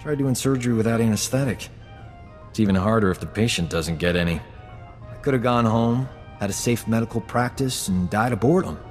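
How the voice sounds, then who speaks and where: A smooth-talking frontier doctor played by a male actor in a video game, full of swagger and flirtation. His voice sits fairly low and sounds self-assured. It rings in a long hall reverb with music playing behind. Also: fairly quick, darkish tone, close to an everyday voice. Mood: cocky, boastful. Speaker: video game companion character.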